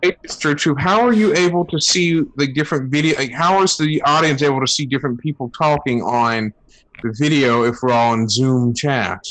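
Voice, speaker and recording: A man calling into a video chat from his phone, asking questions in a hesitant, halting way. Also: medium pitch, a bit bright, poor audio. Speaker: caller. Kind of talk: casual video-call chat. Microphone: phone on a video call.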